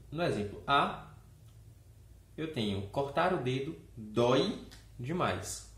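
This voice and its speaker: A man teaching grammar in a video lesson, talking in a chatty, upbeat way and often checking in with the viewer. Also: a little high. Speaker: Portuguese teacher. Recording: echoey room.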